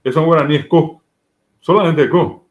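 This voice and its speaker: A man's voice: fairly high pitch, moderate pace, dull audio. A man with a Paraguayan Spanish accent, a language teacher explaining grammar step by step with spoken examples in an interview.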